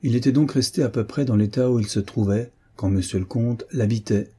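A man reading a novel aloud as a narrator, in a measured, even storytelling delivery. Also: mid-range voice, slightly rough. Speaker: audiobook reader. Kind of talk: scripted narration.

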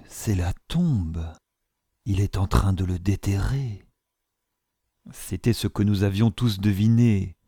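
A man reading a novel aloud as narrator, with measured, grave storytelling. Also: fairly low pitch, mellow, no room sound, studio quality. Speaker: audiobook narrator.

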